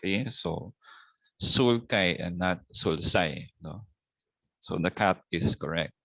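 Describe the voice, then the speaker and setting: A middle-aged man with a Filipino accent giving a slow anatomy lecture, often ending points with a questioning "no?". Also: deep voice, creaky, a bit bright, slightly rough, no echo. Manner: slow, repetitive teaching with tag "no?". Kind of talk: recorded lecture.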